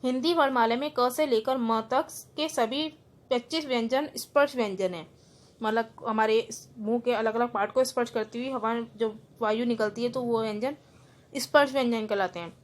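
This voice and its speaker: Higher-pitched woman teaching a grammar class. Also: normal speed. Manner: restates each rule in simpler words, mixing in English terms; spells out words letter by letter. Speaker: school teacher. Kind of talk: online grammar lesson.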